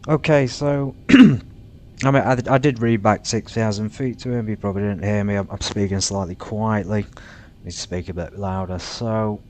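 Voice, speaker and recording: A man narrating his flight simulator session casually and haltingly, muttering to himself between pilot radio calls. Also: fairly even intonation, darkish tone. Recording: rumbly background noise.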